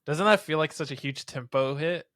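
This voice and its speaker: A man's voice: a little high, normal speed, a bit bright, no room sound, studio quality. A man co-hosting a casual card game podcast, thinking aloud and floating ideas. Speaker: podcast co-host. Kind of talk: casual chat.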